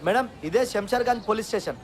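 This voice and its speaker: An actor playing an eager, obsequious taxi driver. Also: male voice, high voice, fast, faint music behind, natural voice. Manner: obsequious, chatty. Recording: street traffic noise outdoors.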